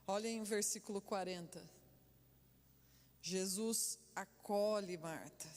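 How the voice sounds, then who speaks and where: A woman pastor preaching a sermon, telling stories with lively, animated delivery and laughter. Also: medium pitch, slow. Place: church hall. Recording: echoey church hall.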